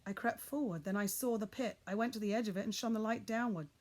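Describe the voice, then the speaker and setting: Expressive woman reading a children's story. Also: medium pitch, quick pace. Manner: expressive, builds suspense. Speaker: audiobook reader. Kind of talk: reading a children's novel aloud.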